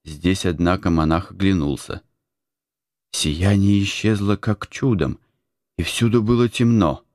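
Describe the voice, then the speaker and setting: A man narrating a novel as an audiobook, telling it in a dramatic, expressive way. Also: sits low, a little slow, no echo, clean studio sound. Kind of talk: scripted narration.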